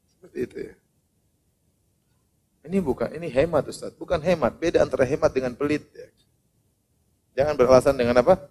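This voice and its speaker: A man's voice: a little high, a little fast, pauses often. A man preaching an Islamic sermon with humorous storytelling, acting out the voices of the people in his stories. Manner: animated, humorous, acts out quoted voices.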